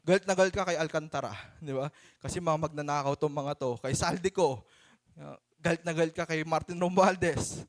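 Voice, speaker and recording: A Filipino man preaching a sermon to his church in a conversational, animated way, acting out stories. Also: a little high, fairly quick.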